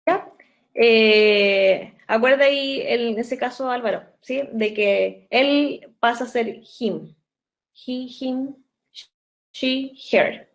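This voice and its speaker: A young woman teaching English grammar in an online class, explaining patiently step by step and slowing down to dictate sentences. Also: a little high, rough recording.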